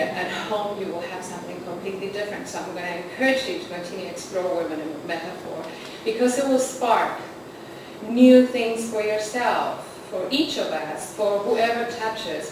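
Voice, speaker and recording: A woman hosting a poetry reading and slideshow, introducing the evening in an earnest, somewhat rambling way. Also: medium pitch. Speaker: host and anthology editor. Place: literary arts center event hall. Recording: roomy, distant, noisy hall recording.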